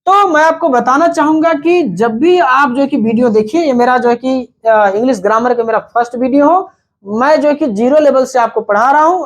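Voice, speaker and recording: A man teaching a lesson, spelling words out letter by letter and asking himself questions as he explains. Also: extremely high pitch. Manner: repetitive, rhetorical questions. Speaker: English teacher.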